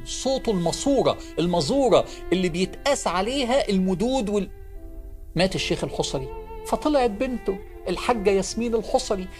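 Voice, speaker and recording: A man's voice: high-pitched, darkish tone. A man with an Egyptian accent giving a televised sermon. He tells stories with emphasis, repeats his key phrases and calls out to his listeners directly. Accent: Egyptian Arabic. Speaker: preacher.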